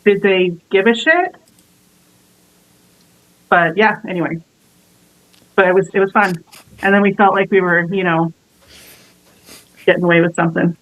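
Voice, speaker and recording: A woman's voice: lowish voice, normal speed, pauses often, dull audio. A woman in casual chat, telling stories with frequent laughter.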